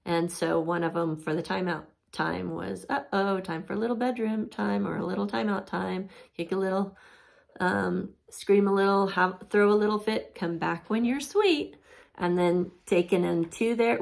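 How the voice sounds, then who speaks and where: A woman's voice: lowish voice, moderate pace, creaky. A woman teaching a parenting course in a chatty, casual way, with many fillers, acting out what a parent would say.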